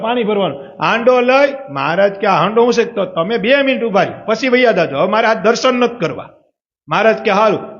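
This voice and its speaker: Man, high voice, Saurashtrian accent, storytelling preacher at a religious gathering, muffled recording. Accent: Saurashtrian Gujarati. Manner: asks the audience rhetorical questions. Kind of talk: devotional story sermon. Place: religious assembly.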